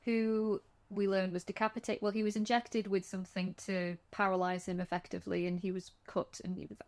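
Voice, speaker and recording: A woman's voice: mid-range voice, level tone, a little fast, darkish tone. Chatty woman recapping a film. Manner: chatty, restarts often, vivid retelling. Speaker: podcast co-host. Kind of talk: casual film discussion.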